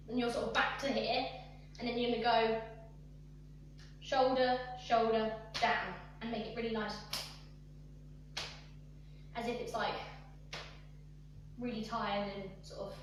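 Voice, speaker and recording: A young woman with a high voice teaches a dance routine over a live stream, walking through each move and breaking into counts and sung snippets. She talks at an unhurried pace. Her voice comes from across a very echoey room with a faint hum behind it. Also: far from the mic. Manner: talks through moves, counting and singing along to the music. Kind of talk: live online dance lesson. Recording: echoey room, voice away from the mic.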